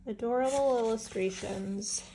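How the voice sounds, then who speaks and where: A woman's voice: on the high side, unhurried, warm tone, slight background noise. A woman with a stuffed-up nose, chatting casually and enthusiastically as she shows off an estate sale book haul. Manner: chatty, enthusiastic, musing aloud with fillers. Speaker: vintage seller showing an estate sale haul. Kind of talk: casual show-and-tell vlog.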